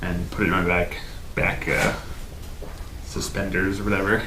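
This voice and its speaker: A man chatting casually as a player in a tabletop game, speaking haltingly. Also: low-pitched, flat delivery. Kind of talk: casual chat. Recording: roomy echo, faint room noise.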